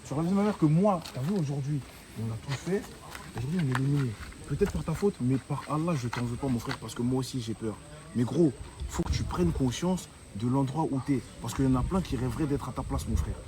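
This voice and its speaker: A man's voice: medium pitch, fast, background noise. A man giving an insistent, consoling pep talk in street slang, with music playing under his voice. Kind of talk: casual chat with street slang.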